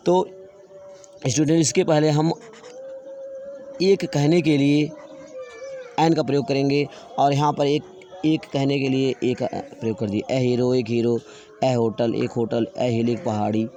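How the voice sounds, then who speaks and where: A man teaching English grammar, slowly spelling out words letter by letter and repeating them. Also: mid-range voice, fairly even intonation, warm tone, a little hiss or hum. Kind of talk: classroom grammar lesson.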